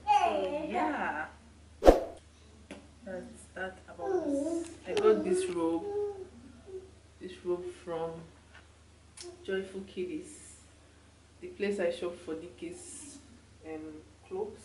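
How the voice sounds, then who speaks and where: A woman's voice: medium pitch, drawn-out words, pauses often. A young Nigerian woman with a Nigerian accent, chatting casually to her camera in a hotel room. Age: young adult. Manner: chatty and relaxed, loose run-on talk. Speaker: vlogger. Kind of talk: casual vlog talk to camera. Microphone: handheld camera mic at arm's length. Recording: roomy with clear background noise.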